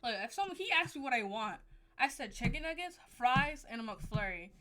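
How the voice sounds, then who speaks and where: A young woman hosting a casual podcast, talking loosely and breaking into loud bursts of laughter. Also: a little high, animated, fairly quick. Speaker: podcast host. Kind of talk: casual chat.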